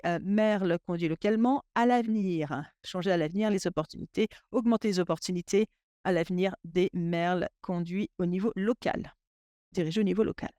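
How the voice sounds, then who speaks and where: Man, simultaneous interpreter, high voice, dry close sound, halting delivery, many restarts. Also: darkish tone, no room sound. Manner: halting, with frequent restarts and fillers. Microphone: remote webinar audio.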